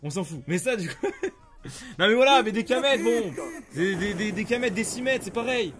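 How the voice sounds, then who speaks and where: A man streaming live gameplay, commenting excitably, often swearing and yelling at the game. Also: high-pitched, normal speed.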